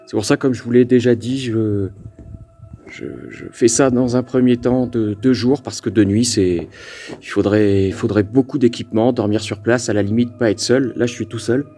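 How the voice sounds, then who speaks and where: A man alone in an abandoned mountain fort, investigating the paranormal and calling out to spirits, often stammering with excitement. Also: medium pitch, moderate pace, soft background music. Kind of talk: ghost-hunting vlog narration.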